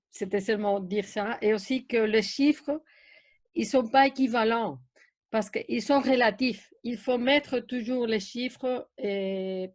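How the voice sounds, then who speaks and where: Slow, halting woman with a Spanish accent. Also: fairly high pitch, a little mellow, dry recording. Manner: hesitant, halting non-native French. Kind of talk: spontaneous panel remarks.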